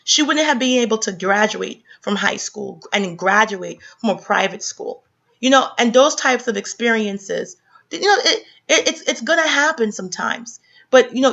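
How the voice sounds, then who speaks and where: A Caribbean woman with a fairly high, creaky, fairly bright voice delivers heated opinion commentary in a vlog. She lectures her viewers with many fillers and restarts, and the recording has a dull lo-fi sound.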